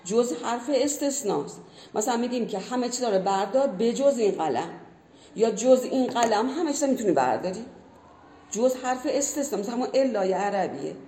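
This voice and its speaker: A woman's voice: fairly high pitch, animated, dark tone. A woman who teaches language, explaining earnestly in conversation and giving many spoken examples. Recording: roomy echo.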